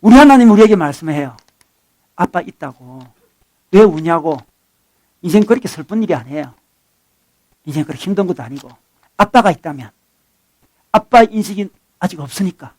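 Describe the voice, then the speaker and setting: High-voiced animated Korean pastor preaching. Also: male voice, brisk, long pauses. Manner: animated, conversational preaching with sudden loud and soft swings; acts out dialogue with his son. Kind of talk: sermon.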